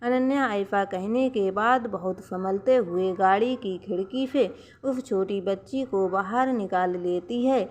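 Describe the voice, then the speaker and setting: A woman narrating a family story with slow, even storytelling. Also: medium pitch. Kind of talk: scripted narration.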